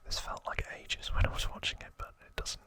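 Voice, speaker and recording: Hosting an ASMR recap, a man whispers breathily without voicing, his casual explanation coming out in halting bursts. The whisper carries a sharp quality.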